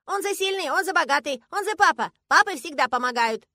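A woman's voice: sits high, lively intonation, a little fast, bright, forceful tone, no room sound, studio quality, pitched above the performer's own voice. A woman voicing a stubborn, indignant five-year-old girl who insists like a strict little teacher.

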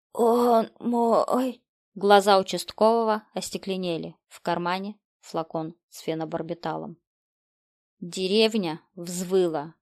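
A woman's voice: on the low side, a little mellow, no room sound, clean studio sound. A woman narrating a horror story in terse, clipped, grim sentences.

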